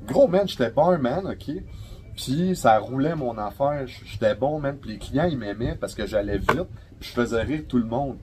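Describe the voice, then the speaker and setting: A young man with a Québécois French accent tells his stories as a podcast guest, full of slang and swearing. His voice sits in a middle pitch, and a faint hiss runs under the recording. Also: normal speed, poor audio. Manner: slangy, profane, animated storyteller. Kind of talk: casual storytelling chat.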